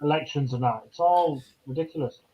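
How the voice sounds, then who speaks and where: A man's voice: fairly high pitch, brisk, dark tone. A man chatting bluntly on a remote call, his voice muffled and distant as if heard through a wall. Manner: blunt, swears casually. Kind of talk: casual chat. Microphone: remote call on the wrong microphone.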